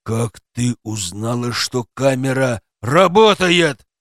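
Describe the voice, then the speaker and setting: A furious rough rescuer growls and barks his threats in a low, menacing voice, as a male narrator puts him on. The tone drops below the reader's usual voice and turns hushed and harsh. The sound is close and dry. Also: lively intonation, a little slow, dry recording. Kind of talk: audiobook character voice.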